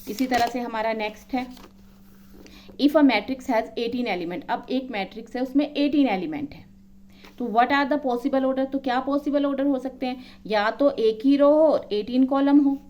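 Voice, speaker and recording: A woman's voice: high voice, a little mellow, muffled recording. A woman maths teacher explaining a lesson, counting items aloud one by one and checking in often with her students.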